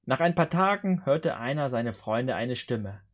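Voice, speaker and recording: A man's voice: mid-range voice, big pitch swings, normal speed. A man hosting a joke challenge on a video call, reading out short jokes and acting out their dialogue. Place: indoor room on a video call.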